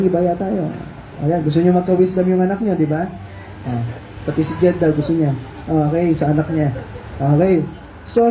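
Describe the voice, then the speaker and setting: A preacher with a Filipino accent speaks in a mellow, relaxed voice, mixing English into the sermon and politely prompting the congregation with questions and cues to read aloud. The sound is a muffled church livestream with a roomy echo. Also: medium pitch, a little hiss or hum. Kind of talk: conversational Taglish sermon with Bible reading. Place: church hall. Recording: dull, echoey church livestream audio.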